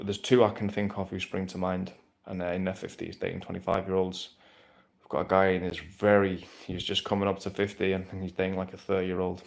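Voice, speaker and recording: A man talks bluntly through viewer questions on a live stream. His voice sits low and gravelly, with a flat, level delivery and frequent casual swearing. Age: 30s.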